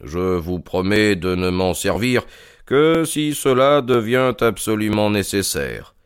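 A man voicing a calm, shrewd detective who speaks softly and gravely, in a slow, deliberate way. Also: fairly low pitch, no room sound, clean studio sound. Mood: grave, gentle. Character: calm shrewd male detective, middle-aged, gentle and grave.

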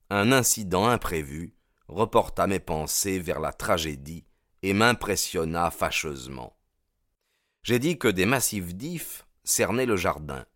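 Deep-voiced man narrating a story. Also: fairly bright tone, no room sound, clean studio sound. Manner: measured, literary storytelling. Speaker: audiobook narrator. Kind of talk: scripted narration.

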